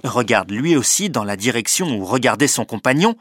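A man's voice: mid-range voice, lively intonation, normal speed, a bit bright, no room sound. Man narrating a story, dry close sound. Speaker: audiobook narrator.

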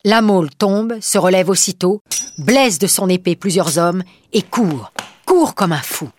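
A woman narrating a storybook with an expressive reading. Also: lowish voice, measured pace, slight background noise. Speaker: audiobook narrator.

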